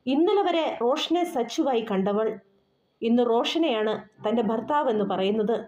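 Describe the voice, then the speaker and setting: A woman narrating an audio novel in a dramatic storytelling manner. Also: a little high. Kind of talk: scripted narration. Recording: roomy dull recording with soft music.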